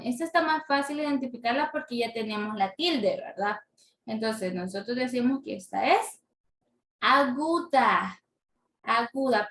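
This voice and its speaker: A woman teaching a slow classroom lesson, patiently repeating words and syllables aloud. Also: a little high. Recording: echoey room.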